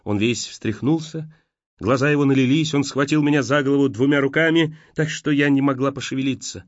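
A man narrating an audiobook in a steady storytelling manner. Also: mid-range voice, a little fast, no room sound. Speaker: audiobook reader. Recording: dull lo-fi dry recording.

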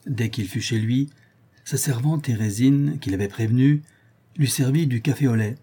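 A man narrating a short story aloud in a measured, expressive way. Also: mid-range voice, husky. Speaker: audiobook reader.

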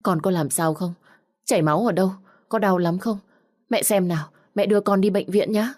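A woman's voice: medium pitch, normal speed, darkish tone, pitched above the performer's own voice, natural voice. A woman reading the lines of a young mother who rebuffs a suitor firmly and fusses anxiously over her son. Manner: firm, then anxious toward her child. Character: young mother, firm and protective.

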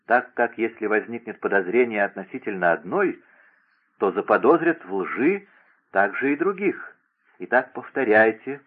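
A man reading aloud and voicing an imperious, scheming young princess who gives orders in a raised, insistent voice. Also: fairly low pitch. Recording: tinny phone-like radio broadcast.

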